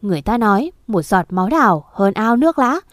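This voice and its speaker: A woman voicing a spiteful, scheming stepmother in an audio story, hurling fast, loud accusations. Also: mid-range voice, big pitch swings, no echo, studio quality, lightly acted. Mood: spiteful accusing.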